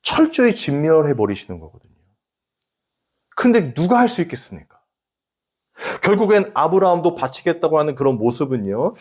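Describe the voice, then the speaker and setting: Male pastor, 40s, sermon delivery: lively swooping pitch, direct questions to the congregation, emphatic bursts and soft drops. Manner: animated preaching, rising emphatic peaks, drops to hushed asides.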